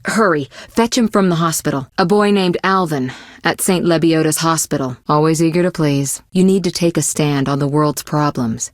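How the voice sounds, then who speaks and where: For a video game script, a woman gives a lightly acted turn as a poised young sorceress, serious and instructive in tone. Her voice leans low and is recorded dry, close, and without echo; she speaks in articulate, measured, gently chiding phrases, sounding worldly, caring, teasing, and possessive.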